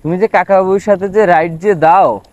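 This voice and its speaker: A man talking gently and playfully with his young nephew during a bike ride outdoors. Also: high voice, normal speed, no echo. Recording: dull lo-fi outdoor sound.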